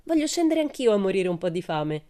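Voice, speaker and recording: A woman voicing an eager, brave young boy in a storybook reading, excited and pleading. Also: mid-range voice, a little fast, pitched above the performer's own voice, close to an everyday voice.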